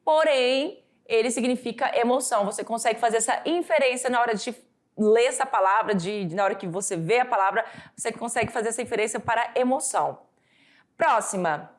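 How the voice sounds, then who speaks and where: A Brazilian woman teaching English vocabulary, slowly drilling words for students to repeat after her. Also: fairly high pitch. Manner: slow, drawn-out word drills for students to repeat. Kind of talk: recorded classroom lesson.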